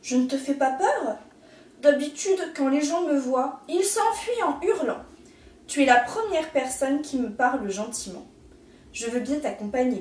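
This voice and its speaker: A woman's voice: high voice, darkish tone, recorded from a distance. A woman voicing a timid, kind male snake in a storybook, with squealing, fretful exclamations, in an echoey room.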